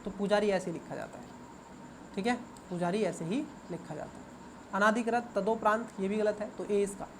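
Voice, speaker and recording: A man's voice: sits high, fairly even intonation, normal speed, noisy background. A man teaching as an exam coach, going through a paper's answers, repeating words and asking his students rhetorical questions.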